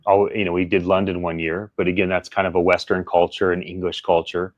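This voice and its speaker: A man's voice: low voice, little pitch movement, brisk, dry recording, highs cut off. A man hosting an interview, asking long, searching questions full of fillers and restarts. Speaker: podcast host.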